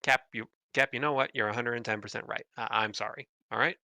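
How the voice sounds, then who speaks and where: A man's voice: medium pitch, steady tone, fast, gravelly, bright, forceful tone, no room sound. A man voicing a flustered woman security officer on an airship, stammering and apologetic with many restarts. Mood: defensive.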